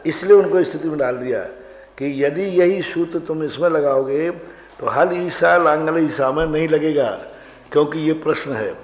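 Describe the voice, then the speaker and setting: Monk guy teaching sanskrit grammar, asks the class stuff, muffled lo-fi sound in a big echoey hall. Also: on the high side. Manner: questions the class and recites rules in slow chant. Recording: dull, roomy hall recording.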